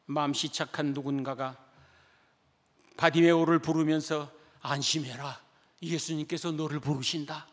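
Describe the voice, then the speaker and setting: A male pastor preaching a dramatic sermon, swinging between soft storytelling and loud exhortation. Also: high voice. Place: church sanctuary. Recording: long church reverb.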